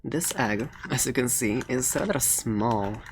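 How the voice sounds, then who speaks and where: In a soft ASMR roleplay, a woman plays a friendly, chatty fantasy shopkeeper who rambles through her sales pitch in a playful, hesitant way. Her pace is a little slow and there's slight background noise. The mood is playful and enthusiastic.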